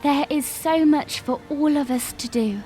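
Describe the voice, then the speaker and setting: A woman plays a young fantasy princess with a high voice. She speaks in stately, earnest phrases, like a resolute leader in an audio drama, with music beneath her. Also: measured pace, mellow. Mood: solemn, proclaiming. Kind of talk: fan audio drama acting, formal oratory.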